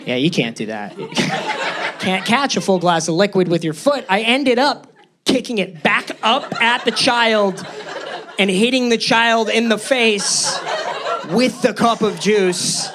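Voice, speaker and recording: A man's voice: sits high, animated, slow pace, noisy background. A man doing a stand-up comedy set on a club stage, telling self-deprecating stories in a nervous way into a handheld mic. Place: comedy club stage before a live audience. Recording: live show with loud crowd laughter.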